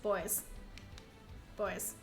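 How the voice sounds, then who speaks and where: A young woman from Canada giving casual, rambling live commentary on her video game speedrun, chatty and self-deprecating. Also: very slow. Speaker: speedrunner streamer. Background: faint game music.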